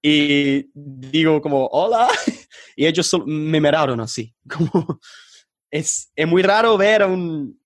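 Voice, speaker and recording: Man telling stories in halting Spanish. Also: on the high side, no room sound, studio quality. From England. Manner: hesitant, halting, animated anecdote telling. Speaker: podcast guest. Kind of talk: casual storytelling in an interview.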